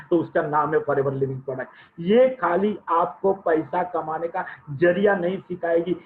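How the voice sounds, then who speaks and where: High-voiced man on a tinny line. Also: a little hiss or hum. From Gujarat, India. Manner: emphatic, repeats key phrases for effect. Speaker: motivational business speaker. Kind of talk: motivational speech. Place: room at his home. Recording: tinny, echoey phone-like recording.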